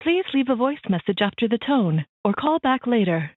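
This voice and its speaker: A woman's automated recorded message played over a phone line, polite and measured like a phone system announcer. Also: a little high, big pitch swings.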